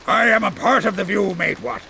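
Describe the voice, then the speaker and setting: An actor voicing a pompous, self-satisfied portly admiral in a video game, with a croaky voice. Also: male voice, high voice, brisk, pushed and bright, a little hiss or hum, full character voice. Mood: smug. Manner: pompous, haughty. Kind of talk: video game character dialogue.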